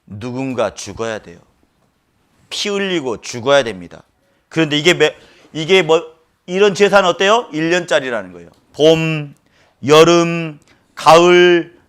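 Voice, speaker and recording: A man's voice: on the high side, a bit bright, clear, resonant tone. A male pastor preaching a sermon who keeps questioning the congregation and stresses his points emphatically.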